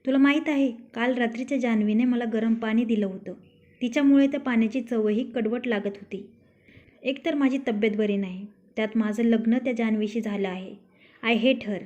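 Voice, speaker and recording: A woman's voice: fairly high pitch, steady tone, moderate pace, a little mellow, close to an everyday voice. A woman voicing a rude, taunting young husband. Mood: fond. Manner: scolding, taunting. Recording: dull lo-fi recording.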